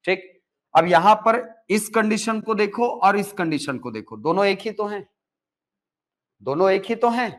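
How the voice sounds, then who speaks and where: A man's voice: sits high, lively intonation, measured pace. A male Hindi teacher with a Chhattisgarhi accent, giving a live classroom lecture and explaining step by step, asking and answering his own questions.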